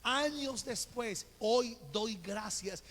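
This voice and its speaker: A man's voice: extremely high pitch, extremely slow, a bit bright. A Colombian man preaching a sermon as pastor, telling a personal story and acting out the dialogue. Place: church. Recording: reverberant church hall with faint noise.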